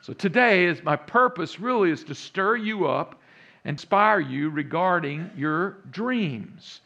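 Texan preacher with a gravelly voice. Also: male voice, high-pitched, animated, slow, sharp tone, highs cut off. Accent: Texas. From Central Texas. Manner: folksy storytelling with rising emphasis. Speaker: pastor. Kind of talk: sermon.

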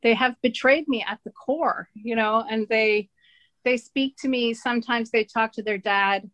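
Animated Irish woman telling stories. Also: fairly high pitch, normal speed, no echo, dull audio. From Ireland. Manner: animated, laughing, emphatic storyteller. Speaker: guest. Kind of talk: casual conversation.

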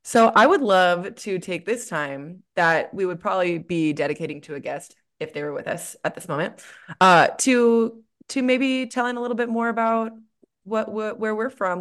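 A young woman with a fairly low voice speaks at normal speed while co-hosting a podcast. She is a softball player, and her casual chat is laid-back, informal, and slangy.

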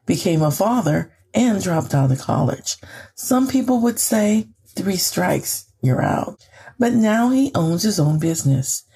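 A Northern California woman who coaches and hosts a career podcast delivers an upbeat, encouraging ad read within her show. Her voice is on the low side, gravelly and mellow, with a breathy edge.

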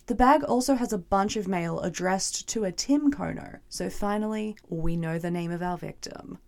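A young woman with a hoarse, gravelly voice recaps and reviews a TV episode in a chatty, wry, playfully sarcastic way. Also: lowish voice, moderate pace.

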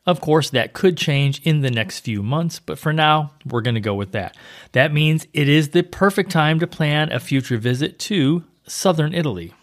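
A man's voice: on the high side, normal speed. A man co-hosting a travel podcast, chatting casually and informatively about destinations. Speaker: podcast co-host, travel agent.

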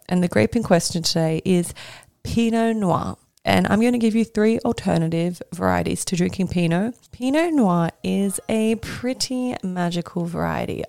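A young woman talks through wine picks in a relaxed, chatty way. Her voice sits on the low side with a gravelly fry. The sound is close and dry, with no room around it. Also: dry recording. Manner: chatty, laughs between points, spells out names slowly. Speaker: wine educator. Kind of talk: casual explainer vlog.

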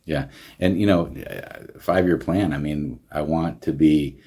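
A man's voice: very deep voice, unhurried, dark tone, husky. A man, a county veterans service director, talking earnestly in an interview with frequent restarts. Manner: earnest, many restarts and fillers. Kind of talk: casual interview talk.

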